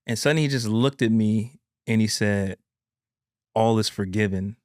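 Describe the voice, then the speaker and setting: A man's voice: lowish voice, normal speed, a little mellow, no room sound, studio quality. A man hosting a podcast, telling a heartfelt personal story in an earnest, emphatic way and calling the listener "man" and "bro". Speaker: podcast host.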